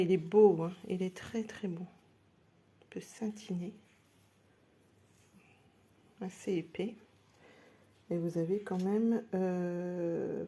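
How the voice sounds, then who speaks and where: A woman's voice: on the low side, warm tone, husky. A woman chatting casually while unboxing craft supplies live, thinking aloud with many hesitations. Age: adult with a day job. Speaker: craft product seller.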